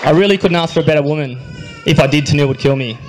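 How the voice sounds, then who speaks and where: Australian groom reading a wedding speech. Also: male voice, on the high side, very fast, a loud crowd, heavy background noise. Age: young adult. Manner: dry humor, quietly emotional, clears throat often. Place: wedding reception hall, indoors. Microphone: handheld microphone.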